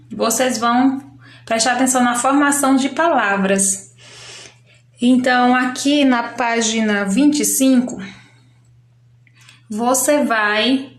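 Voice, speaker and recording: Brazilian woman teacher, slightly high voice, very slow patient delivery, echoey room. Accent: Brazilian Portuguese. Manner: patient, spells out syllables, frequent "né" and "ó". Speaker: primary school teacher. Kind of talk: slow explanatory classroom lesson.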